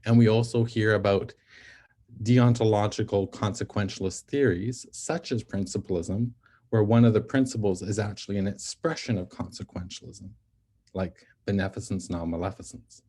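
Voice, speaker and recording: A man with a fairly low, mellow voice lectures on ethics in a steady, explanatory way. He pauses often to check in with his listeners, asking whether they follow before moving on. The delivery is patient and methodical. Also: breathy edge. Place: NICU physician.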